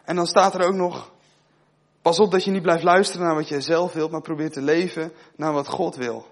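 A man's voice: on the high side, steady tone, normal speed. A man preaching in a chatty way. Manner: conversational, asks the listeners questions. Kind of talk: sermon with personal story.

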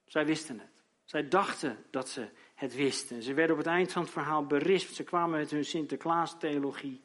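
Male preacher, fairly high-pitched, dramatic sermon delivery with loud emphatic peaks. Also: normal speed. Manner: dramatic, rising to loud emphatic outbursts when quoting.

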